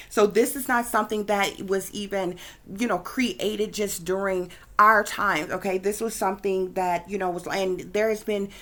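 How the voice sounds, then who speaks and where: Woman host, mid pitch, casual spoken lecture full of fillers and "okay?" check-ins. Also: fairly bright tone. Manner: repeats "okay?" often, with many fillers and restarts. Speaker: spiritual video host.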